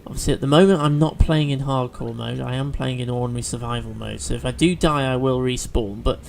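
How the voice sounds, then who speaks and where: A man's voice: medium pitch, quick pace, gravelly, a little mellow, a little hiss or hum. A man chatting through a video game as he plays, thinking aloud with fillers and restarts. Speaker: let's play host. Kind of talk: gameplay commentary.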